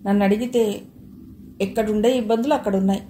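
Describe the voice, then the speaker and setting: A woman voicing a middle-aged man, an elder brother-in-law, in a measured, gently teasing way in an audio novel. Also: medium pitch, fairly even intonation, a little hiss or hum, natural voice.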